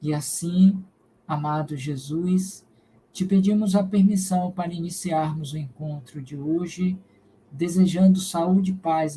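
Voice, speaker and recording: Man, spiritist lecturer, measured prayerful delivery, warm dark tone. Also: fairly high pitch, low-quality recording. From Salvador, Bahia, Brazil. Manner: slow, solemn, measured delivery. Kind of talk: devotional lecture and prayer in a live stream.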